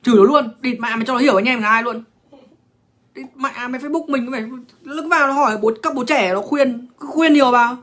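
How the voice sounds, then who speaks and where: A man's voice: extremely high pitch, quick pace, sharp tone. Blunt, foul-mouthed man. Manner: crude, profane, blunt, lecturing. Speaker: livestreamer. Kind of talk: livestream rant to viewers.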